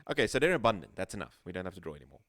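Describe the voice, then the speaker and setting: Deep-voiced man rambling through a game. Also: very animated, fairly bright tone, no room sound, clean studio sound. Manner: rambling, halting, many restarts. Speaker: game facilitator. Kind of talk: casual streamed tabletop play.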